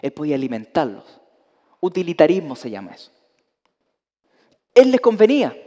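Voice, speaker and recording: A man preaches a sermon, his voice pitched high above most men's. He drives his points with emphasis and strings of rhetorical questions. The sound carries a long reverb, as if filling a large hall. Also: mellow. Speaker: pastor.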